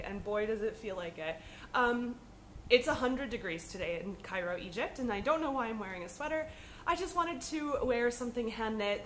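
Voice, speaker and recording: A slightly high-voiced woman hosts a podcast from the United States, rambling to camera in a bright, friendly mood with lots of ums. She sounds a little sniffly from a cold, and there is mild background noise.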